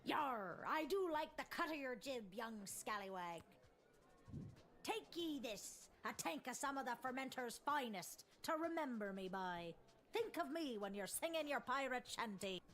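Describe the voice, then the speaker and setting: A woman's voice: high voice, expressive, unhurried, fairly bright tone, soft background music. A woman playing a boisterous pirate captain with a stage pirate accent and theatrical nautical slang. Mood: jovial. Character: swaggering female pirate captain, boisterous old sea dog.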